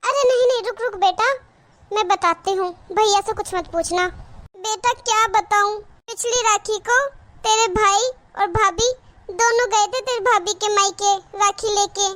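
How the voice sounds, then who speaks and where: A woman doing a gentle cartoon mother. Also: very high-pitched, a little slow. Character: caring middle-aged mother, soothing and worried. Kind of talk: cartoon voice acting.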